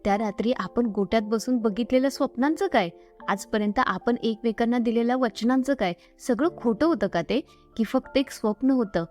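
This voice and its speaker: A woman voicing a heartbroken young woman who pleads quickly. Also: a little high, darkish tone, faint music behind, close to an everyday voice. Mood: pleading.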